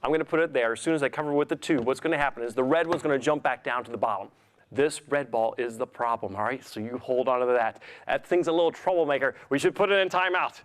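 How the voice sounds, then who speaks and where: A man's voice: medium pitch, fast, smooth. A man performing as a kids party magician, encouraging and playful, asking children simple questions as he talks them through a trick. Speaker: kids' magician, guest entertainer. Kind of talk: interactive children's magic show patter.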